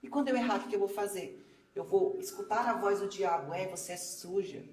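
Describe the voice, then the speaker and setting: Female devotional teacher, lively storyteller, echoey room, distant mic. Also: medium pitch, fairly quick, slight background noise. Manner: storytelling, acts out quoted voices. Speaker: Bible study teacher. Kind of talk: casual devotional Bible teaching.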